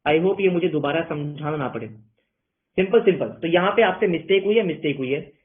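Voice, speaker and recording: Teaching accounting online, a commerce teacher speaks on the high side and fairly quickly. He keeps things playful, posing questions and then answering them himself in his students' voices, all on tinny, phone-like audio.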